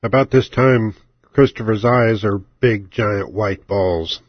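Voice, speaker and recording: A man's voice: lowish voice, slow pace, no room sound. A man hosting a talk show, giving dramatic storytelling commentary with emphatic, repetitive build-up. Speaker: talk host. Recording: dry, slightly dull close recording.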